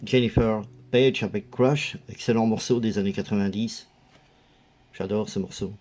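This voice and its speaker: Chatty and hesitant, a male video host talks casually about his music collection, using plenty of fillers. His voice is on the low side and a little mellow.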